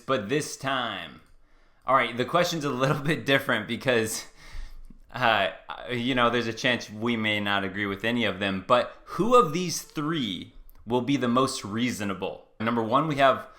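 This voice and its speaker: A man hosting a casual reaction commentary, chatting loosely to his live viewers in quick bursts. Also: mid-range voice, pushed and bright. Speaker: host reacting to a debate video.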